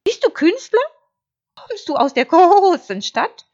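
A woman voicing a naive, excitable little sheep with a thin, high, piping voice for a storybook reading. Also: measured pace, lo-fi sound, full character voice. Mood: excited. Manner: eager and wide-eyed.

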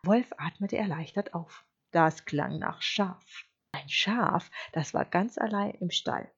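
A woman reading a children's story aloud in a slow, expressive storytelling manner. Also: fairly low pitch, husky, lo-fi sound. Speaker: narrator.

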